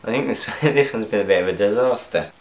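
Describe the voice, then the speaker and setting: Talking fairly quickly in a voice on the low side, a young cooking vlogger chats with viewers from his home kitchen and laughs at his mistakes. The relaxed commentary has an echoey kitchen sound and faintly clattering pans.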